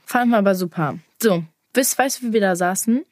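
A teenage girl co-hosting a podcast with her mother, telling stories in an excited, giggly way. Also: mid-range voice, brisk, no echo, studio quality. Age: teens. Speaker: podcast co-host, daughter. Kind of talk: casual chat.

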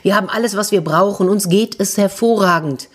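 Storybook husband, voiced by a woman, steady and firm, husky tone. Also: medium pitch, a little fast, voice pushed up, close to an everyday voice.

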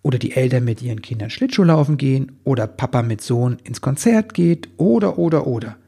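A man's voice: medium pitch, expressive, fairly quick, vocal fry, warm tone, slightly rough. A man voicing a small, timid male Christmas elf who talks eagerly and stammers when upset.

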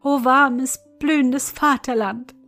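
A woman's voice: high-pitched, fairly even intonation, takes it slowly, fairly bright tone, faint music behind, pitched above the performer's own voice, full character voice. A woman voicing a homesick canary in a storybook reading, speaking in a dreamy, sing-song way. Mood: wistful.

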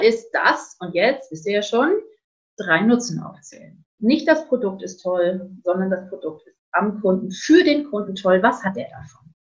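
A woman's voice: mid-range voice, highs cut off. A middle-aged woman with a northern German accent teaching a webinar on customer objections, acting out customer dialogues. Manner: lively, acts out customer dialogues. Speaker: sales trainer.

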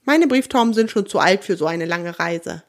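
A woman voicing a kindly middle-aged woman who keeps pigeons, in a warm, chatty manner. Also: lowish voice, animated, moderate pace.

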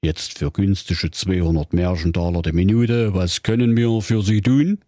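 A man playing a bored hotline clerk from a fairy-tale service line. He drones along in an unhurried, official tone, recorded dry and close in a comedy audio story. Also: low-pitched, no room sound, natural voice. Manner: flat bureaucratic drawl.

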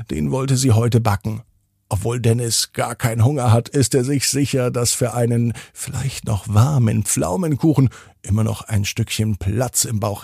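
A man reading a children's bedtime story with gentle storyteller pacing. His voice is gravelly and a little husky. It sounds close and dry over soft music. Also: medium pitch, no echo. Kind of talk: scripted bedtime story narration.

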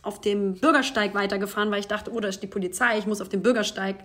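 A woman co-hosting a podcast in casual chat, telling a story with animated quotes and frequent laughter. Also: medium pitch, quick pace. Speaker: podcast co-host.

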